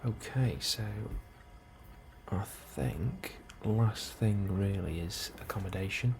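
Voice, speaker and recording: In an ASMR role-play, a man with a very low, creaky voice plays a calm, helpful colony immigration officer, speaking softly and unhurriedly, sometimes nearly whispering. A steady ambient noise is clearly audible in the background.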